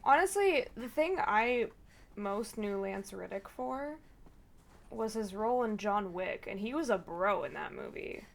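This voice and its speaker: A woman streamer giving casual, excitable, sweary live commentary while she plays a video game. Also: medium pitch, measured pace, vocal fry. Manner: excitable, sweary, reacts out loud.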